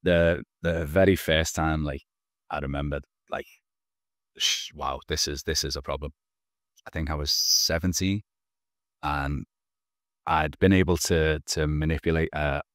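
At a normal speed, a man in his thirties with a very deep, slightly bright voice and level tone earnestly shares his own story as a podcast guest, often restarting his words. Over a video call from a small indoor room, he wears headphones, and the sound is clean studio quality with no echo.

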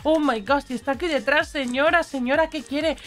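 A woman's voice: sits high, steady tone, a little fast, a bit bright. A young woman with a Spain Spanish accent, commenting on gameplay and playfully acting like a naive newbie. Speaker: gaming YouTuber.

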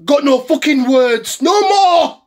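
A man playing an angry young football fan in a comedy sketch, ranting and swearing with shouted bursts. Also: very high voice, lively intonation, slow pace, exaggerated voice. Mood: furious. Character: furious English male football fan ranting. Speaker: comedy character.

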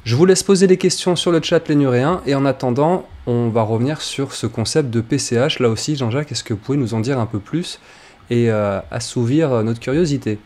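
A French man hosts a live web show at a middle pitch. He keeps a friendly, chatty tone as he reads out viewer comments and brings the guest back to the topic. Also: a little fast, darkish tone. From France. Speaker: host.

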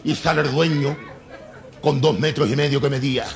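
A man with an Andalusian accent telling rapid, colloquial jokes on a comedy cassette. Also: medium pitch, fairly even intonation, vocal fry, a crowd in the background. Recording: hissy 1980 cassette tape.

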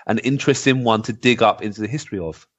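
Reading out listener comments and chatting loosely, this podcast co-host talks fast in a lowish male voice on a laid-back retro gaming show. His audio is dull and lo-fi.

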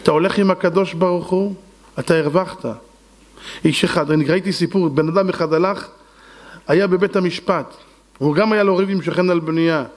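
A rabbi giving a sermon, telling stories and acting out the dialogue dramatically while addressing the congregation. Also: male voice, high voice. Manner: acts out dialogue in a lively, dramatic voice; addresses the audience directly. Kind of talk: storytelling sermon.

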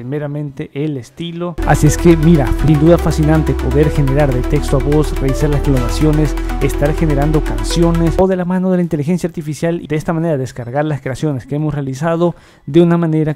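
A man hosting a software tutorial, explaining each step as he clicks through, often repeating set phrases. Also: a little high. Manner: repetitive, filler-heavy demo talk. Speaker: tech tutorial host. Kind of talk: screen-recorded software tutorial.

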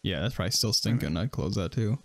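A man's voice: lowish voice, animated, quick pace. A man chatting and joking with friends while playing a horror game, laughing often and teasing. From part Irish. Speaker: gaming channel co-host. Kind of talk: casual let's-play banter.

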